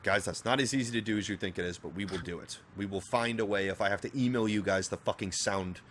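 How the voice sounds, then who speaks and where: Casual chat on a podcast: a low-voiced man from Northern Virginia, speaking with a general American accent, jokes crudely and swears with his co-host. He talks fast and with animation, and a little hiss or hum is audible.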